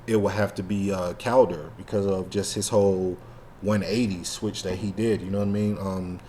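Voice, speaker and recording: Low-pitched and dark, his voice stays fairly even at a moderate pace. He co-hosts a laid-back fan podcast, wandering off-topic with plenty of slang and "like," over a slight hiss or hum.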